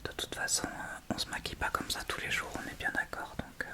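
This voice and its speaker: A female ASMR creator gives a casual tutorial in a breathy, gentle whisper close to the microphone, explaining step by step without hurry, though her pace is fairly quick.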